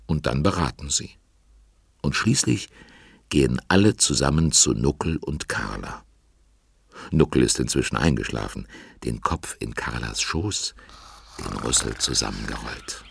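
A man narrating a children's audio drama in a gentle storytelling manner. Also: rumbling low, animated, a little slow, vocal fry, breathy edge.

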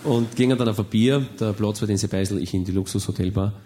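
Deadpan Austrian comedian telling a story. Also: male voice, lowish voice, fast, heavy background noise. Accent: Austrian German. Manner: rambling, deadpan storytelling with hesitations. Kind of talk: stand-up comedy monologue.

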